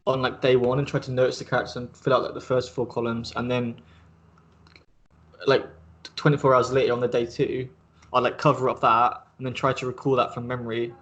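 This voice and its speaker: A young adult man hosting a casual chat, talking in a relaxed, rambling way with plenty of filler words. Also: medium pitch, brisk, dull audio. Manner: relaxed, rambling, heavy use of 'like'. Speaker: host.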